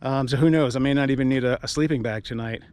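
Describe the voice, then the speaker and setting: An American man hosting a casual outdoor vlog, speaking through a face mask in a halting, rambling way. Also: medium pitch, a little mellow, clean tone. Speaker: outdoor video host. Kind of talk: casual vlog talk to camera. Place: outdoors at a mountain trailhead. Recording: noisy outdoor camera audio.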